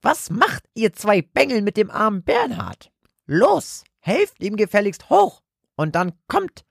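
A man's voice: huge pitch swings, slow pace, vocal fry, husky, dry recording, clean studio sound, full character voice. A man voicing a stern, scolding middle-aged mother in a spoken horror story. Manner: scolding, shrill.

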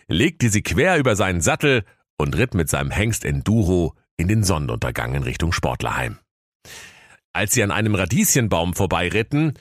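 A man tells a silly fairy-tale parody with playful, animated storytelling, his voice low and full of lively swings. The recording is close and dry, with no room around him. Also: dry recording. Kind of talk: comic fairy-tale narration.

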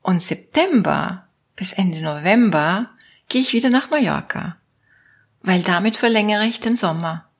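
Slow, husky Austrian woman musing aloud. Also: medium pitch, animated. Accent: Austrian German. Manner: playful, musing aloud, switching between options. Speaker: vlogger and network marketing coach. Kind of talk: casual monologue to camera.

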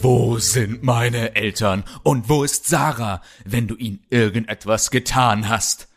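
A man's voice: mid-range voice, measured pace, soft background music. A man voicing a young brown bear kung-fu hero in a storybook audio drama, defiant and sarcastic toward his enemy. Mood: defiant anger. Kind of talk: audiobook character voice.

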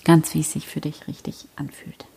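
A woman guiding a prayer meditation in a soft, breathy whisper, gentle and soothing. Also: sits low, little pitch movement, moderate pace.

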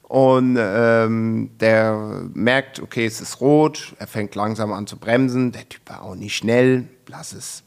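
A man's voice: on the low side, slow, creaky, smooth. A young man co-hosting a casual podcast, telling a story with lots of slang and acting out the quotes. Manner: animated storytelling, acts out quotes, filler-heavy slang. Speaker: podcast co-host.

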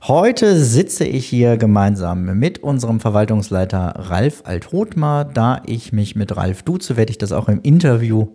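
A man's voice: lowish voice, sing-song, unhurried, hardly any pauses, mellow. A man hosting a podcast interview, introducing his guest and asking questions.

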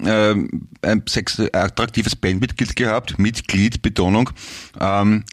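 A man's voice: fairly low pitch, dry recording, studio quality. A man with a Viennese accent hosting a podcast in playful, rambling casual chat. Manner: playful, rambling, laughs often. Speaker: podcast host.

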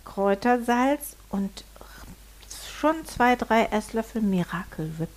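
A woman's voice: on the high side, lively intonation, slow. Playful German woman co-hosting a podcast. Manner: playful, laughs often. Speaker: podcast co-host. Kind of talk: casual chat.

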